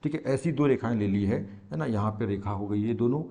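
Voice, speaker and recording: At the board, a male teacher from Hindi-speaking India explains maths briskly in a warm, ordinary mid-range voice. Patient and repetitive, he keeps asking the class rhetorical questions and then supplies the answers.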